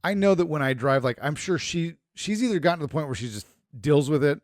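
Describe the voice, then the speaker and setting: A middle-aged man co-hosts a podcast, his fairly high voice moving at a quick clip as he spins rambling stories in casual chat and acts out the people in them. The studio-quality recording has no echo.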